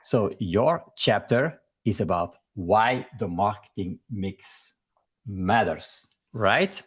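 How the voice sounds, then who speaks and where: Belgian male stream host, husky voice, halting delivery over a video call. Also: fairly low pitch, lively intonation. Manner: halting, with many fillers and restarts. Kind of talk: casual live stream interview.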